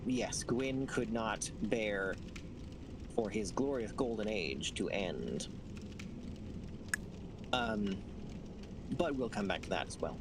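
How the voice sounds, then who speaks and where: A man casually guiding another player through a video game, giving patient, measured explanations and instructions. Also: lowish voice, expressive, creaky, noisy background. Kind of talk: casual game walkthrough chat.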